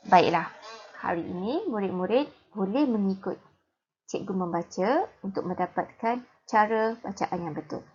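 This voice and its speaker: Malaysian malay teacher lady explaining stuff clearly, breathy, muffled recording. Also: medium pitch, lively intonation, moderate pace, a little mellow. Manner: clear, explanatory classroom delivery. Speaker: primary school teacher. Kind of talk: recorded language lesson.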